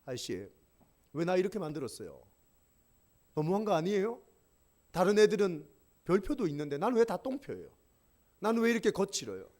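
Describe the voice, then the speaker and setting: A male pastor voicing an angry, rough wooden boy puppet who fires off indignant questions in a storybook retelling. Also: sits high, very animated, brisk, long pauses, darkish tone. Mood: pleading.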